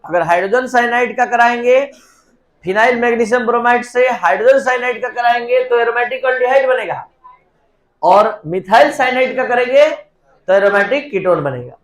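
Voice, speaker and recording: A man's voice: very high-pitched, moderate pace. A man teaching a chemistry class, dictating reaction steps one by one and prompting students to answer. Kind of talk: classroom lecture. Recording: echoey classroom.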